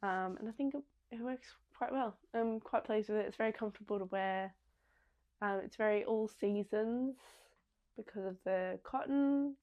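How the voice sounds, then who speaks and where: A woman's voice: mid-range voice, normal speed, lo-fi sound. A young woman hosting a podcast, chatting casually and rambling with many ums and small restarts. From Australia. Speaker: podcast host. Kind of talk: casual chat.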